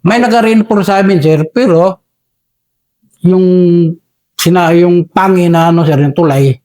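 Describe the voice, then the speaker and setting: Filipino man, soldier recounting combat, high mellow voice, respectful, sir after every phrase. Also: a little slow. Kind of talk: interview storytelling.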